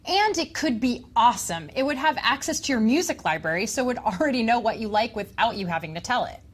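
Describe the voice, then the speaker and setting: A woman's voice: on the high side, lively intonation, fast, breathy edge. A woman co-hosting a scripted tech rumor show with upbeat, confident banter.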